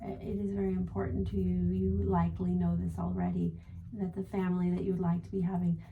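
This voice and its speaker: A woman channeling a gentle male spirit guide as a seance medium, speaking formally and ending phrases with a questioning "yes?". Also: lowish voice, flat delivery, fairly quick, gravelly, narrow, tinny audio. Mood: gentle, assured. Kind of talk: spiritual guidance in trance channeling session.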